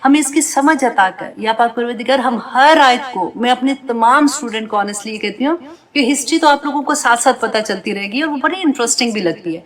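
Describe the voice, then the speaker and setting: Earnest woman teaching a scripture class. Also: a little high. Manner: reads verses phrase by phrase, translating each, then explains earnestly; addresses listeners directly, often adding tag questions. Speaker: Quran teacher. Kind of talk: Quran commentary lesson to a class.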